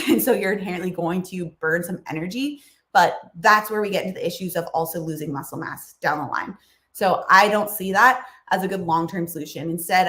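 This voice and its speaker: Answering livestream questions about nutrition, this host has a lowish, somewhat bright voice in a reverberant space. She's casual, using fillers and small laughs, though her throat is froggy and she keeps clearing it and coughing.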